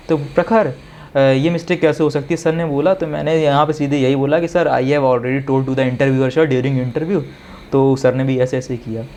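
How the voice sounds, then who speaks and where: A man's voice: a little high, a little hiss or hum. A young man in an interview, casually recounting his own experience and switching between Hindi and English while often calling the listener "sir". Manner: animated retelling that mixes Hindi with English phrases; keeps addressing the listener as "sir". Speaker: interviewee, successful defence exam candidate.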